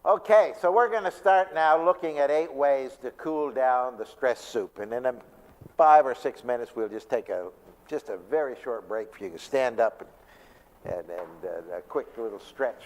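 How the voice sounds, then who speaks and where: A man's voice: medium pitch, normal speed. A male pastor giving a conversational church talk on stress, often asking the audience questions. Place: church sanctuary. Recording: long reverb of a church hall.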